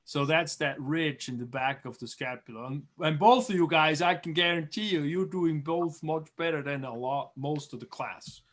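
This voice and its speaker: A man from Switzerland, a biology teacher, runs a class review over a video call. His voice sits a little high for a man. He talks in a chatty, encouraging way and says terms slowly and more than once. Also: a bit bright, a little hiss or hum.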